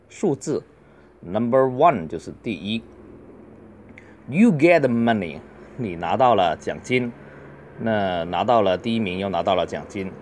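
A man's voice: on the low side, darkish tone, a little hiss or hum. A man teaching a beginner English class, reading phrases aloud and explaining them in Mandarin with influence. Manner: reads drills slowly, then explains.

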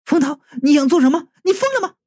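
A man's voice: sits high, very animated, measured pace, dark tone, breathy edge, exaggerated voice. A man voicing a vicious, unhinged knife-wielding woman in an audiobook, shrieking threats and curses.

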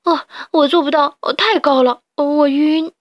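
A woman's voice: on the high side, steady tone, unhurried, dry recording, lo-fi sound, close to an everyday voice. A frightened young sheep, played by a woman storyteller, mumbling fearfully. It sounds like a close, dry children's audio story. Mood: scared. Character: timid young male sheep.

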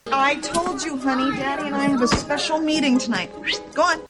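An actress playing a brisk mother who firmly coaxes her boys off to bed, in a TV drama scene. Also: high-pitched, over a noisy crowd, natural voice. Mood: coaxing. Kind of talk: TV drama dialogue. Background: music.

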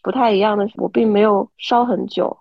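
A woman lying in bed at home, hoarse and stuffy from illness, giving a wry, self-mocking account over an online call. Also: mid-range voice, steady tone, fairly quick, no echo, highs cut off. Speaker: podcast team member. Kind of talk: casual chat. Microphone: online call app from home.

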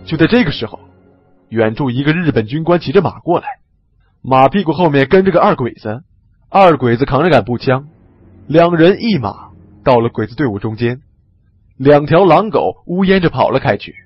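A man reading a first-person audiobook story with a husky voice and lively, swinging pitch. Faint music runs behind him, and the audio sounds slightly dull. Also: normal speed.

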